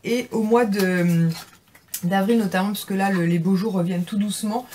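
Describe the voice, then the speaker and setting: A woman's voice: medium pitch, fairly even intonation, normal speed, warm tone, a little hiss or hum. Chatty young woman vlogger, hesitant. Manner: chatty, many fillers and restarts. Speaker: beauty vlogger. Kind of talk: casual haul video.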